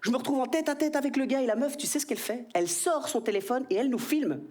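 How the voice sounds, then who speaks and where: A man in his thirties with a Belgian French accent, performing an animated stand-up comedy routine on stage. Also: extremely high pitch, fast talker. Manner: animated, jumps into quoted voices. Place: stage before a live audience.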